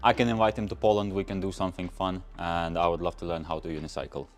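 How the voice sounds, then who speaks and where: With soft music in the background, a low-pitched young man from Latvia talks fast in a level tone. He hosts a car channel and is loosely fielding livestream chat questions in English, not his native language, rambling with many fillers and restarts.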